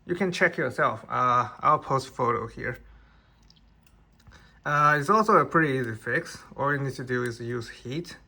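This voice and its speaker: A man's voice: medium pitch, animated, normal speed, creaky, sharp tone. A man, not an English speaker, casually reviewing an action figure in plain conversational talk with restarts. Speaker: toy reviewer.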